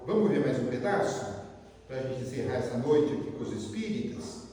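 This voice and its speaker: A man's voice: medium pitch, moderate pace, recorded from a distance, a little hiss or hum. A man with a Brazilian Portuguese accent giving a spiritist lecture, telling stories and asking the audience questions. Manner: lively storyteller, asks the audience questions. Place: lecture hall. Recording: echoey hall, voice from afar.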